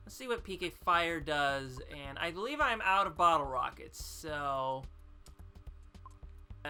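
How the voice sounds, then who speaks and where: A woman's voice: on the low side, pushed and bright. A woman hosting a let's-play, giving casual gameplay commentary, chatty and thinking aloud with frequent fillers.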